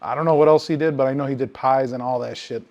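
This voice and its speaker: A man co-hosts a podcast, talking fast in a mid-range voice over audio whose highs are cut off. Loose and rambling, he curses a lot in casual chat and becomes animated when he tells stories.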